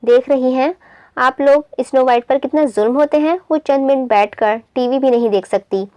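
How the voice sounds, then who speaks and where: A woman's voice: high voice, moderate pace, no echo, lightly acted. Woman doing a cheeky, teasing young bride-to-be. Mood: whiny. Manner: sharp-tongued, teasing, whiny.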